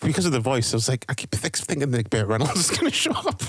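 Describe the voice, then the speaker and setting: A man's voice: mid-range voice, huge pitch swings, fast talker, fairly bright tone, a little hiss or hum. A man co-hosting a podcast in casual film chat, laughing and swearing casually. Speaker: podcast co-host.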